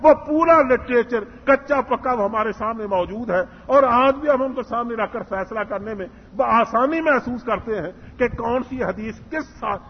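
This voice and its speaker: A man's voice: very high-pitched, hardly any pauses, breathy edge. A man giving a religious lecture, telling a story earnestly and acting out its dialogue. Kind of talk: Islamic lecture. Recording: muffled hall recording with long reverb.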